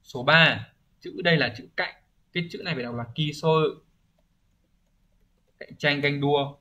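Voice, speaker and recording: A Japanese language teacher with a somewhat high, sharp-toned voice speaks a little slowly. He leads an exam-prep vocabulary lesson, explaining every answer and often checking understanding with rhetorical questions.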